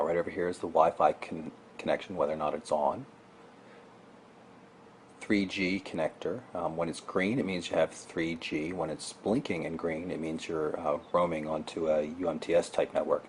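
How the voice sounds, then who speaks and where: In a clip with noticeable background noise, a man with a deep voice walks through a gadget as a reviewer might, keeping his explanation casual and matter-of-fact.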